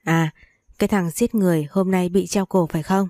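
A woman's voice: on the low side, fairly even intonation, warm tone, no echo, studio quality, lightly acted. A woman voicing a leering old landlord. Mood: lazy, leering. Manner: slow, drawling, then sweetly menacing. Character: lecherous wealthy old landlord, male.

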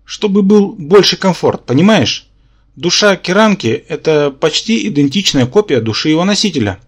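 A man's voice: fairly high pitch, expressive, moderate pace, breathy edge, pitched above the performer's own voice. A man voicing a pedantic, lecturing male spirit symbiont who lives in the hero's head. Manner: lecturing, matter-of-fact.

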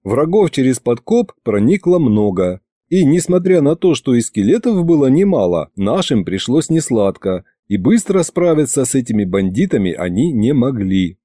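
Lively man narrating an audiobook. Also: medium pitch, normal speed, hardly any pauses, no room sound, studio quality. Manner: lively, expressive reading. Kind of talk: first-person audiobook narration.

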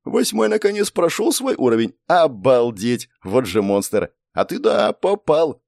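A man voicing a brisk, mocking young woman who is a player in a game world, in an audiobook. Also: on the high side, big pitch swings, creaky, darkish tone, no echo, studio quality, voice pushed up. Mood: teasing, brisk. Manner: snappy, teasing, exclamatory.

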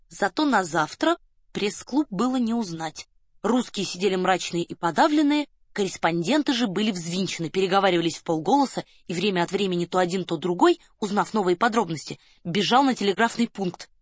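Brief: woman narrator, mid pitch, very dry close studio sound, steady audiobook reading. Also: moderate pace, no echo. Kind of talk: scripted narration.

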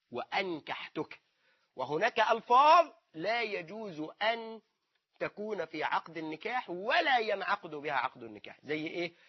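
Egyptian male religious teacher, raspy and high-pitched, quizzing his listeners, muffled lo-fi recording. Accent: Egyptian Arabic. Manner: asks rhetorical questions and answers them himself. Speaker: Islamic scholar teaching. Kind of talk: religious lesson.

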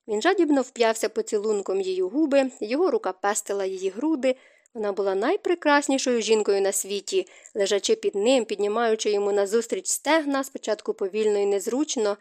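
Woman, audiobook narrator, expressive, emotive, fairly high voice.

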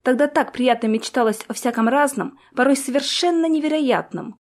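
A woman reads a fantasy novel aloud as an audiobook narrator. Her voice sits a little high for a woman. She keeps an even, steady storytelling pace throughout. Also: moderate pace. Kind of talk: scripted narration.

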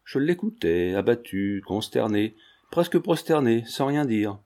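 Man calmly reading a novel. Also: mid-range voice, measured pace. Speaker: audiobook reader. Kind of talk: scripted narration.

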